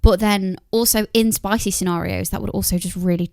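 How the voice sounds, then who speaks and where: A woman's voice: mid-range voice, fairly even intonation, fairly quick, darkish tone, no echo, studio quality. A young woman with an East Midlands English accent, hosting a podcast in casual, giggly chat. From England. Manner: chatty, giggly. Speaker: podcast host.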